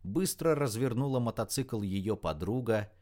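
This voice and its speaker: A man reading an audiobook in an expressive, dramatic narration style. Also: fairly low pitch, normal speed.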